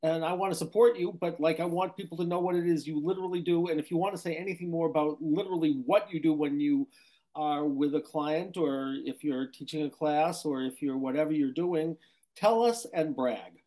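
A man hosts a podcast in a chatty, eager way. His voice sits a little high and sounds warm and mellow, and he often leans on the word "literally.". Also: brisk, poor audio. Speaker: podcast host. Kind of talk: casual interview conversation.

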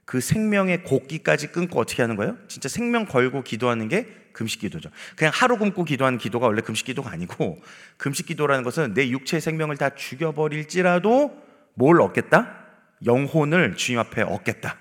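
A man's voice: medium pitch, very animated, brisk, fairly bright tone. A man preaching an early-morning sermon as pastor, talking to the congregation in a chatty way and acting out quotes. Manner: conversational preaching with acted-out quotes and asides. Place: church sanctuary. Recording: long hall reverb.

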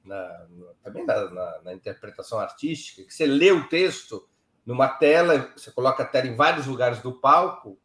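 An older man giving casual, animated political commentary, telling anecdotes with rhetorical asides. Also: medium pitch, moderate pace. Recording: echoey room.

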